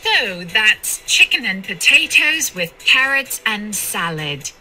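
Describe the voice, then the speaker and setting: A woman playing a bright-voiced canteen server. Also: mid-range voice, sing-song, faint music behind, exaggerated voice. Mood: friendly. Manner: clear and deliberate. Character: friendly woman serving in a canteen. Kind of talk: scripted textbook audio.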